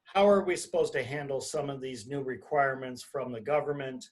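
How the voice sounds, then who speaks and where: Over a video conference call from indoors, a male attorney gives an explanatory webinar presentation. His medium-pitched voice is deliberate and emphatic, delivered in short phrases.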